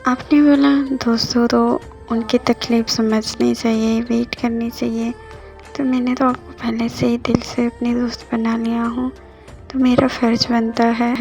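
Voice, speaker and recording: A woman's voice: a little high, flat delivery, a little slow, gravelly, darkish tone, soft background music. A woman voicing a talkative, eager young man who rambles at a friend, in an amateur voice drama. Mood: chatty. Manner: chatty, rambling.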